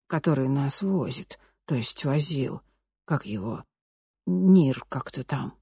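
An audiobook reader voicing a timid young woman who speaks quietly and uncertainly, then shouts back shrilly. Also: medium pitch, animated, slow, breathy edge, no echo, clean studio sound, heavily acted. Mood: timid, hushed. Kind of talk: audiobook character voice.

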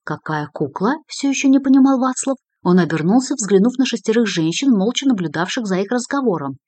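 A woman narrating an audiobook in an even storytelling manner. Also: fairly high pitch, quick pace, no room sound. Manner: even storytelling, reading all parts. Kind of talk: scripted narration.

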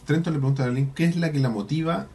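A man's voice: fairly high pitch, racing, dark tone, slight background noise. A man with a Chilean accent hosting a podcast, recapping an episode in a rambling, slangy casual chat. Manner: slangy, rambling, full of colloquial swearing. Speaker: podcast host.

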